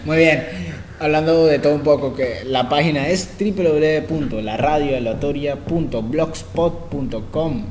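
A man's voice: a little high, unhurried, darkish tone, slight background noise. A young man hosting an amateur internet radio show in casual joking chat, playful and often laughing, repeating himself. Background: music.

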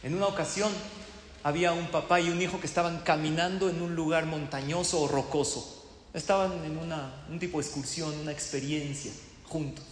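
This rabbi's sermon before a live audience is told through stories and questions directed at the listeners. His fairly high voice stays fairly even in intonation and moves a little fast. Slight background noise and faint ambience fill the echoey hall.

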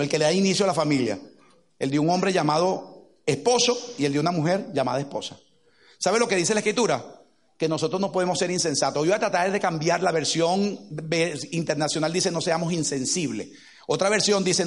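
Animated high-voiced man preaching. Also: fairly quick. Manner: animated storytelling with acted-out quotes. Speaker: pastor. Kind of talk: sermon.

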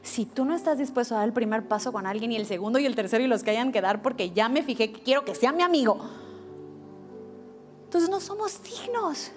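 A woman preaches with a high, bright voice. She tells her story in an animated way and acts out the quoted lines. Soft music plays faintly behind her. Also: a little fast. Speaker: pastor. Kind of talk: sermon.

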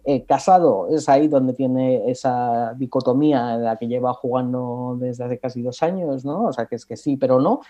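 A man's voice: medium pitch, moderate pace, hardly any pauses, dark tone. A man commenting casually on a talk show, with hesitations and fillers. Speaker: political commentator. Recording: dull lo-fi line.

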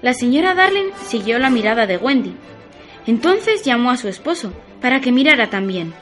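A woman narrating a children's story on the radio in a lively, expressive way. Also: on the high side, normal speed, faint music behind.

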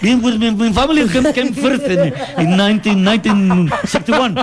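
A rambling immigrant cab driver, as a man puts him on, who is proud and talkative. His English halts and restarts. The voice sits high and keeps breaking into laughter. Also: brisk, a crowd in the background, natural voice.

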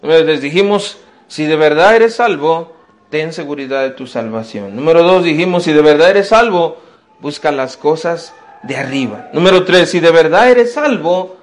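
A pastor preaches a sermon to young people in a church, emphatic and packed with repeated rhetorical questions. His voice is a little high and animated, at normal speed.

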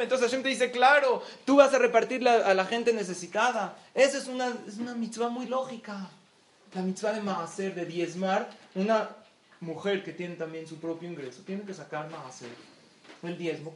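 A man's voice: high voice, slight background noise. A man giving a religious talk, telling a story and acting out the dialogue, in an echoey room. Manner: animated storytelling, acts out dialogue. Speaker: religious lecturer. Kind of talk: storytelling lecture.

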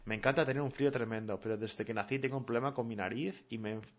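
A man's voice: medium pitch, fast. Casual, slangy Spanish man streaming. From Mallorca. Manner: casual, slangy, laughs a lot. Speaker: streamer host. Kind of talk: casual chat with chat questions. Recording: dull lo-fi stream audio.

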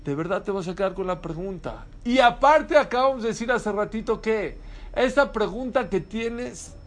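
Animated man giving a sermon. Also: high-pitched, moderate pace. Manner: animated storytelling with rhetorical questions. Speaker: rabbi.

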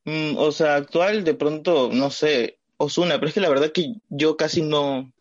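A man's voice: on the high side, normal speed, no room sound. A hesitant man in a casual podcast chat, thinking aloud with lots of fillers. He is recorded close and dry. The sound is a little dull.

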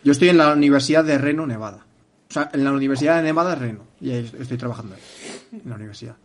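A man's voice: medium pitch, crowd noise. Blunt, swearing young man on a call. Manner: blunt, swears freely, rapid rambling asides. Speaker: guest calling in from abroad. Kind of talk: casual live chat. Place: room in a shared apartment.

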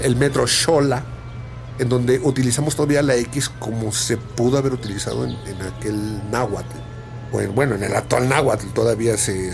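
A man's voice: mid-range voice, creaky. A man with a Mexican accent talking in a casual monologue, musing and restarting phrases as he goes. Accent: Mexican Spanish.

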